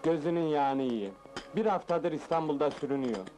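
A man's voice: a little high, lively intonation, a little fast, mellow, faint music behind, close to an everyday voice, rough recording. An actor playing a naive young man from the provinces, looking for work and speaking rustically. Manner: rustic, exclamatory.

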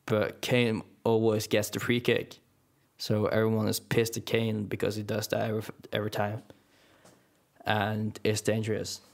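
A man's voice: on the low side, completely flat delivery, normal speed, vocal fry. A young man, chatting casually and rambling with many restarts and fillers. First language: Norwegian. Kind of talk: casual chat.

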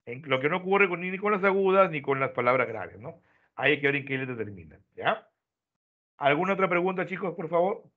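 A man teaching an online class, explaining step by step and ending his points with quick checks to his students. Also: a little high, animated. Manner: explains step by step, tags lines with "¿no?". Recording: tinny phone-like online audio.

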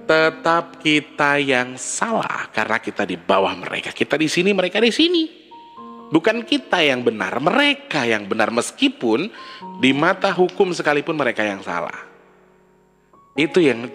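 A man gives casual life advice in a preachy, scolding tone, often turning to question the listener directly. His voice sits in an ordinary middle pitch. Soft music plays faintly behind him. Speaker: host giving life advice.

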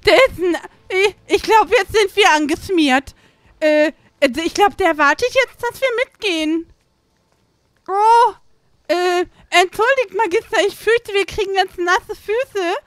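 A woman voicing an excitable, clumsy young woman soldier who stammers and cries out in an unscripted game role-play. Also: extremely high pitch, dry recording. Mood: alarmed. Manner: flustered, stammering, quick to cry out. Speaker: role-play player character.

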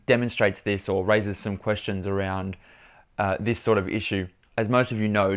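A young man telling a story to camera in a casual, animated vlog, often restarting and repeating words. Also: fairly low pitch, clear, resonant tone. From Australia. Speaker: vlogger.

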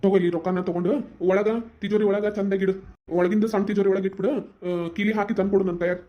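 Voice actor as fast-talking caring village father. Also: medium pitch, flat delivery, muffled recording, lightly acted. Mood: explaining, caring. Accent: North Karnataka Kannada. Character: caring older village father, soft-hearted. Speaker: father in a family cartoon.

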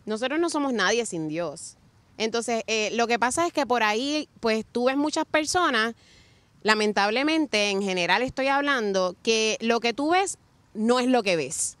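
A young woman chatting on a podcast, her voice sitting a bit high. She speaks earnestly and expressively and acts out little quotes as she goes. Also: expressive, moderate pace, a bit bright, no echo. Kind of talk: casual chat.

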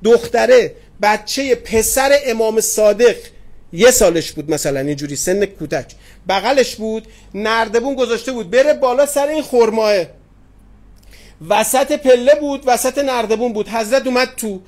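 Brief: high-pitched middle-aged male preacher telling stories in a sermon, affectionate with his listeners. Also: a little mellow. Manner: addresses listeners tenderly, retells anecdotes with quoted dialogue. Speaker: cleric preacher. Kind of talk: sermon with storytelling. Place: religious gathering hall.

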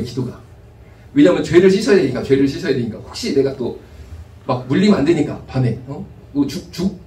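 A man, a pastor, preaching a sermon told as a lively anecdote. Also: mid-range voice. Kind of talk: storytelling sermon. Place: church sanctuary. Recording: echoey room, mic from a distance.

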